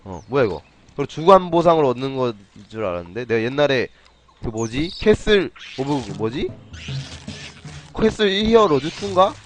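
A man casually commentating his own game play on a live stream, playful and chatty, often clearing his throat. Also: mid-range voice, sing-song, moderate pace, a little hiss or hum. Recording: faint game music behind.

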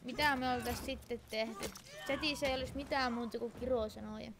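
A woman's voice: a little high, steady tone. A Finnish woman streaming a video game, chatting casually and answering her viewers' chat as she plays. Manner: chatty, reads and answers chat while playing. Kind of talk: casual let's-play chat. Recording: clear game sound behind.

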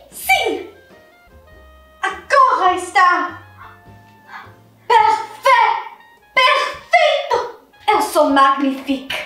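A woman's voice: very high voice, pushed and bright, heavily acted. A woman playing a flamboyant, haughty, scatterbrained French hairdresser in a children's skit, theatrical, with a French accent and French words mixed in. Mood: triumphant. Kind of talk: children's pretend-play skit. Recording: echoey room, distant mic, music behind.

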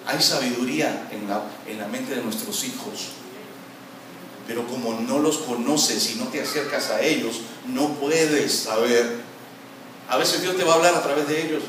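A male pastor preaching an animated sermon with a Latin American Spanish accent, sometimes mimicking quarrelling voices. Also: mid-range voice, normal speed. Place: church hall. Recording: very echoey hall, from far off, noisy.

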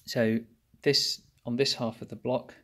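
A man's voice: mid-range voice, flat delivery, a little slow, a bit bright. A man narrating a workshop how-to, explaining each step plainly while he works at a bench. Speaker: engine rebuilder.

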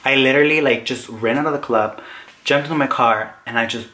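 A young man vlogging, telling a story in an animated, dramatic way with sudden squealing exclamations. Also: medium pitch, fairly quick, a little hiss or hum. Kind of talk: casual storytelling.

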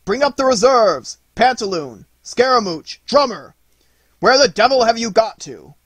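A man's voice: extremely high pitch, lively intonation, a little slow, fairly bright tone, husky, no room sound, voice pushed up, heavily acted. A man voicing a desperate toy nutcracker army commander in a storybook. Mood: frantic commanding.

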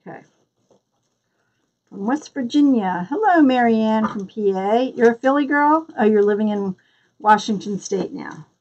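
On a lo-fi stream, a woman with a Philadelphia accent demonstrates a craft, talking with her audience and calling out viewers by name as she goes. Her voice sits on the high side, somewhat slow and a little mellow, with lively intonation.

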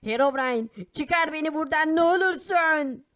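A shrill, hot-tempered poor boy. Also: fairly bright tone. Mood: urgent. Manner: bossy, scolding, quick to anger. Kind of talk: animated cartoon voice acting.

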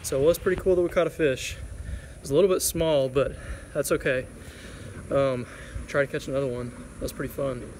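A man's voice: mid-range voice, fairly quick, low-quality recording. Young man vlogging outdoors with road noise. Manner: relaxed and rambling, many fillers. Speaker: fishing vlogger. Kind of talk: casual outdoor vlog. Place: outdoors by a creek under a highway overpass. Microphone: phone camera held at arm's length. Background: traffic and outdoor ambience.

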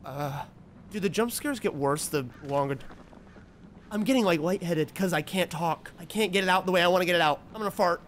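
A man's voice: sits high, brisk, fairly bright tone, a little hiss or hum. A man in his twenties giving casual live commentary on a horror game, jittery, repeating himself and swearing. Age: 20s. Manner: jittery, muttering to himself, repetitive, profane. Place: small indoor room, seated at desk.

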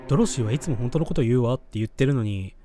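A man playing a horror game, reading its story text slowly aloud and reacting with casual, nervous asides. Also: medium pitch, lively intonation, dark tone, a little hiss or hum. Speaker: game streamer.

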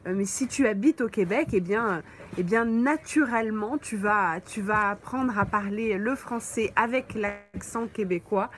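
Slow, patient French teacher woman. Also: medium pitch, slight background noise. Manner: slow, patient, thinks aloud with many fillers. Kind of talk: live stream answering viewer comments. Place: mobile home on holiday.

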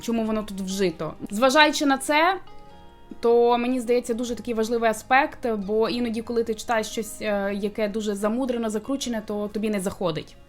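A woman in casual chat, reviewing a manga and explaining her points with a steady flow of fillers. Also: fairly high pitch, brisk, soft background music. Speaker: booktuber co-host reviewing manga.

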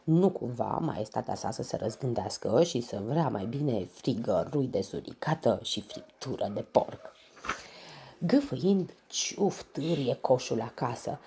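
A woman storyteller reading a children's bedtime story in an expressive, animated way. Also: rumbling low, slight background noise.

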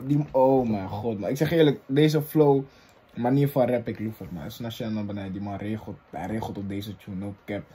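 A man hosting a reaction video, chatting casually in excitable, slang-heavy street talk that swings from loud bursts to low mumbles. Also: normal speed, slight background noise.

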